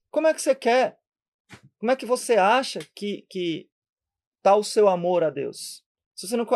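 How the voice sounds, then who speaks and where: Emphatic Brazilian priest preaching live. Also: male voice, sits high, a little mellow. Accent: Brazilian Portuguese. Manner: emphatic, full of rhetorical questions, speeds up and slows down for effect.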